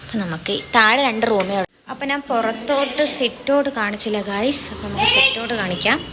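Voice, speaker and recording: A woman's voice: a little high, big pitch swings, fairly quick, background noise. A young woman, chatting casually as she gives a home tour and keeps calling out to her viewers. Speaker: vlogger giving a home tour.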